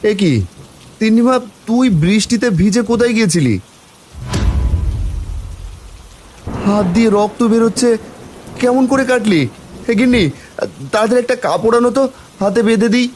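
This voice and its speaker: A man's voice: medium pitch, expressive, a little fast, a little mellow, slight background noise, natural voice. Man voicing a worried village father. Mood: alarmed. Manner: anxious, fatherly, urgent.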